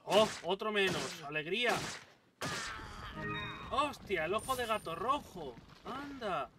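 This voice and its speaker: Excitable man from Spain, high voice. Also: slow pace, over music. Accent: Spain Spanish. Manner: swearing, excitable outbursts. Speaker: gaming YouTuber. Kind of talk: let's play commentary. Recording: distant mic with loud game noise.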